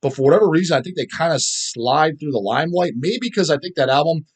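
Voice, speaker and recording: This man hosts a casual video show on underground death metal, rambling bluntly and profanely through his opinions as he answers viewer comments, repeating words for emphasis. His voice is fairly high and expressive, with a quick pace and a breathy edge.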